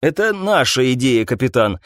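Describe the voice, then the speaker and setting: Steady cop guy, firm and sure, read by a man. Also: mid-range voice, moderate pace, no room sound, studio quality, natural voice. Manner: firm, resolute. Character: male police officer, steady and resolute.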